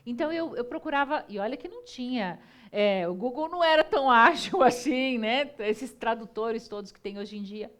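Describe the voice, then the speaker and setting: A woman hosting a TV talk show, chatty and lively, often talking to the audience. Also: fairly high pitch, moderate pace, few pauses. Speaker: TV show host.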